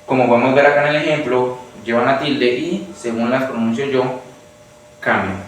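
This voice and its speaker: A man's voice: medium pitch, normal speed. Teen boy, Colombian accent, school presentation, hesitant, roomy echo with faint hiss. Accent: Colombian Spanish. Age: teenager. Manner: hesitant, many restarts and fillers. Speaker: student presenter. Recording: echoey room from far off, faint hiss.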